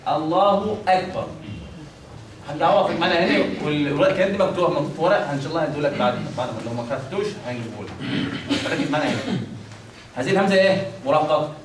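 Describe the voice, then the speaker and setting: A man's voice: on the high side, racing, slight background noise. A man with an Egyptian accent teaching the pronunciation of the call to prayer. He repeats each sound and checks that his students follow. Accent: Egyptian Arabic. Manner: drills pronunciation, repeats examples, checks with "خلاص؟". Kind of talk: classroom lesson with demonstrations. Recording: echoey room, mic at a distance, faint ambience.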